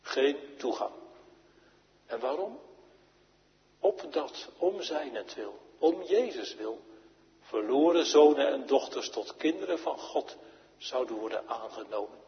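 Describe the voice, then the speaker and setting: A man preaching a sermon to his congregation, slow and solemn, with strong rises and falls in his voice. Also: mid-range voice, animated. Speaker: pastor. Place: church. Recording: dull, echoey church recording.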